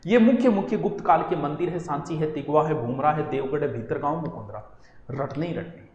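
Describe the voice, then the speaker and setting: Man, high voice, lively coaching-class lecture, echoey hall. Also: fairly quick, highs cut off, slight background noise. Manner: animated, asks and answers his own questions. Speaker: teacher. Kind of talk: exam-prep lecture. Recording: echoey room with long reverb.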